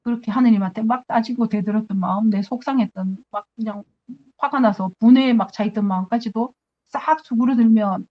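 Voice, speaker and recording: Earnest nun giving a spiritual talk. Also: female voice, on the high side, a little fast, lo-fi sound. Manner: earnest, acts out her own prayers to God.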